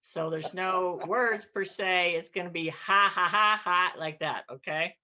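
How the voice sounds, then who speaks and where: A woman's voice: on the low side, unhurried, sharp tone, muffled recording. A woman in her sixties leading an online laughter yoga class. She is playful and cheery, and she laughs and cheers often.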